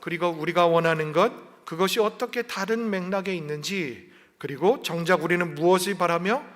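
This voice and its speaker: A man's voice: high-pitched, long reverb tail. A male pastor giving a Sunday sermon in a conversational storytelling way, acting out little dialogues. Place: church sanctuary.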